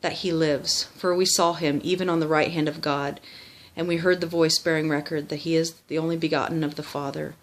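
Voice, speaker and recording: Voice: mid-range voice, flat delivery, fairly quick, few pauses. A person reciting a memorized religious text by rote, formal in wording, with small stumbles and self-corrections.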